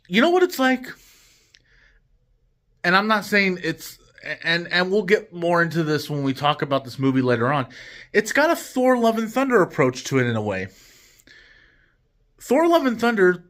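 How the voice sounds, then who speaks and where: A man's voice: high-pitched, fairly bright tone. A man hosting a casual movie review vlog, rambling with lots of restarts and fillers. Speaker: host.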